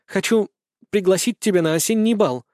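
A man's voice: high voice, moderate pace, darkish tone, no room sound, clean studio sound, voice pushed up, lightly acted. A man reading an audiobook, voicing a bold, pushy young woman who leads a fencing club, in a raised voice. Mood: pleading.

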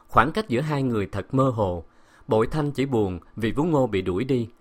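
A man narrating a dramatic novel aloud in a steady, expressive audiobook reading. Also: mid-range voice. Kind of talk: audiobook storytelling.

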